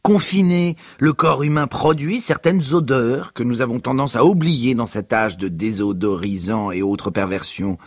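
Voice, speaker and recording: Man playing a pompous petulant medievalist, theatrical declaiming, husky low voice, dry sound. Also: normal speed, few pauses, no echo, natural voice. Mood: haughty indignation. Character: pompous obese male medievalist, grandiloquent and petulant.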